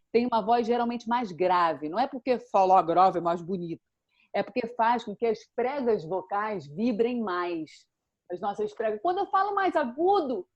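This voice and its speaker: A woman voice coach teaching on a live stream, expressive and demonstrating different tones as she explains. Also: mid-range voice. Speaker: voice and speaking coach.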